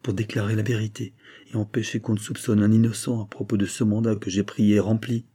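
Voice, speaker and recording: A man's voice: on the low side, little pitch movement, fairly quick, warm tone, slightly rough. A man voicing an anguished, guilt-ridden young man.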